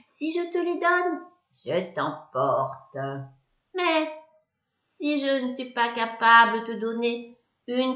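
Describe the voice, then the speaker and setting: A woman voicing a spiteful old witch with a thin, sharp, sour voice and a taunting manner. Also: fairly high pitch, pitched above the performer's own voice, full character voice. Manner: sneering, taunting. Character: spiteful old female witch in a broom closet. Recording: echoey room, dull lo-fi sound.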